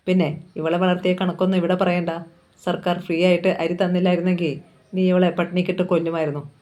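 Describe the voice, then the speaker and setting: Picture an older aunt who has finally lost her temper, hurling accusations at her sister-in-law with no letup, voiced by a woman reading a novel aloud. The delivery stays flat in pitch and keeps pushing forward with no pauses. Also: close to an everyday voice. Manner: loud accusing outburst.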